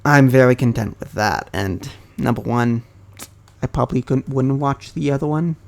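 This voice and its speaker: An anime commentary YouTuber, a young man with a medium-pitched voice and vocal fry, rambles casually to the camera about anime at a moderate pace. His monologue is hesitant, packed with ums and self-corrections.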